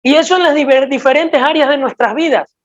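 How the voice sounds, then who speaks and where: A high-pitched woman with an Ecuadorian accent delivers a sermon, firm and scolding as she presses her listeners to change. Her voice swings suddenly between loud and quiet. The recording sounds dull and lo-fi. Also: a little fast. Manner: emphatic, direct and scolding, with sudden swings in loudness. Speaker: preacher.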